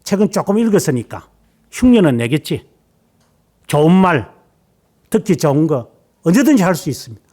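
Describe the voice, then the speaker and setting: A middle-aged man preaching a sermon as pastor, firing rhetorical questions at the congregation and swinging from a raised voice down to hushed near-whispers. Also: fairly high pitch, very animated, normal speed, pauses often.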